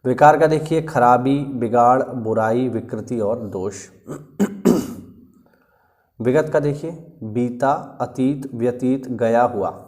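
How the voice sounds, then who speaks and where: A male teacher giving an exam-prep lesson, working slowly through lists of words and often clearing his throat. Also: medium pitch, darkish tone. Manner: slow, deliberate listing with frequent "ठीक है" check-ins.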